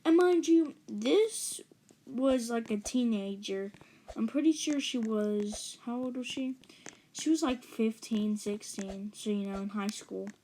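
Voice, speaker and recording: Slow-talking chatty young-sounding female gamer. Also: a little high, dark tone, slight background noise, rough recording. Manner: rambling, chatty, gasps for effect. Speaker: gaming channel storyteller. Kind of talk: casual story narration over gameplay.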